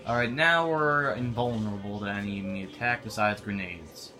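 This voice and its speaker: A young man with a lowish voice chats offhandedly through his gameplay, half talking to himself. A steady layer of game noise sits clearly behind him. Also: a little fast. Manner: offhand, talks to himself while playing. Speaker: gameplay commentator. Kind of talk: casual gameplay commentary. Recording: noisy game audio behind.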